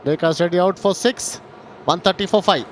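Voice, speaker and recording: A man with a South Indian Telugu accent giving excited cricket commentary, praising play in emphatic short phrases. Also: high-pitched, normal speed. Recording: outdoor ground noise behind commentary.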